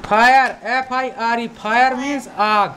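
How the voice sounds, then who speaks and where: A man's voice: very high-pitched, steady tone, slow pace, noisy background. Patient man teaching vocabulary. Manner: patient, repeats words and checks understanding; spells words out letter by letter. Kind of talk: vocabulary lesson for children.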